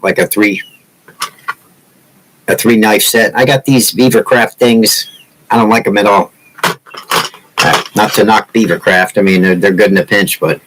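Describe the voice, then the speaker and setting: A man's voice: fairly low pitch, a little hiss or hum, low-quality recording. A man in his sixties from Massachusetts with no regional accent, chatting casually and teasing viewers as the host of a woodcarving livestream. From Massachusetts, USA. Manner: joking, teasing, rambling.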